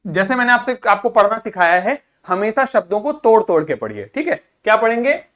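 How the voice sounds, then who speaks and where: A man's voice: sits high, sing-song, fairly quick, fairly bright tone. Role: teacher. Sex: man. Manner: drills pronunciation. Style: vocabulary lesson. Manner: drills pronunciation, breaks words into parts, asks class to repeat; explains in Hindi mixed with English terms. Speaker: school teacher.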